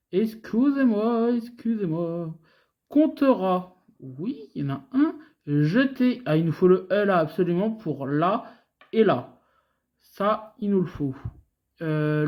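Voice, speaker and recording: A woman from France, speaking with a French accent, hosts a scratch-card video, casually chatting with viewers as she scratches lottery tickets and gives play-by-play. Her mid-range voice swings widely in pitch at a slightly slow pace, with the highs cut off. She's chatty, addresses her audience directly, and repeats letters in sing-song runs.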